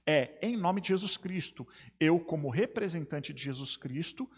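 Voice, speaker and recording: A man's voice: on the high side, expressive, normal speed, husky, big-room sound. A man, a pastor, speaking emphatically in a discussion and repeating his key phrases to drive them home. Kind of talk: preaching in a two-man discussion.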